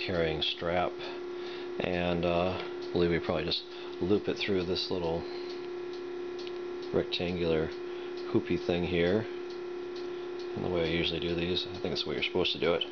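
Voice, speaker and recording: This is casual unboxing and demonstration talk from a product reviewer whose voice is very low and shows little pitch movement. He speaks at normal speed, thinking aloud with some hesitation and long pauses. The audio is lo-fi and dull, buried under loud noise.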